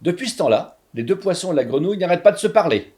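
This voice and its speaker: A man narrating a story in an animated, theatrical reading. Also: high-pitched, fast talker.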